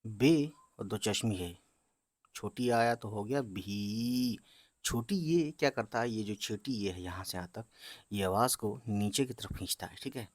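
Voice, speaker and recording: A man teaching beginners to read Urdu, spelling words letter by letter, drawing the sounds out slowly and checking in with his listeners. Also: on the low side, dry recording. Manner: explains patiently, often checking with "है ना?" and "ठीक है?". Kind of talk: letter-by-letter reading lesson.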